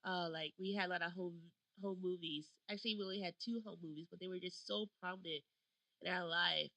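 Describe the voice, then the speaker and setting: A young woman co-hosting a podcast, telling stories in a giggly, animated way. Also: on the low side, a little fast, vocal fry, no echo, low-quality recording. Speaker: podcast co-host. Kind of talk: casual chat. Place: South Korea.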